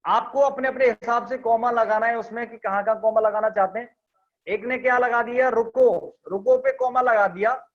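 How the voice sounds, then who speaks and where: The recording is muffled as a man with an extremely high voice and fairly level delivery moves fairly quickly through an online sales training. His approach is instructive: he explains in steps, repeats himself, and asks if everyone understands.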